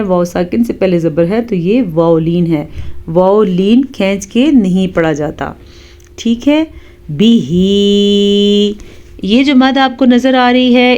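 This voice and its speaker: Slow, patient woman teaching Quran recitation. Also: mid-range voice. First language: Urdu. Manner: explains rules calmly, then recites words slowly and drawn out. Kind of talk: tajweed lesson with slow recitation.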